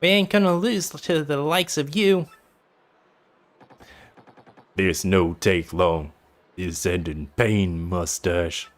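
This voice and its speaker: A man voicing thuggish rock-creature brawlers who speak in slow, broken phrases. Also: low-pitched, animated. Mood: menacing. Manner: slow broken grunting speech.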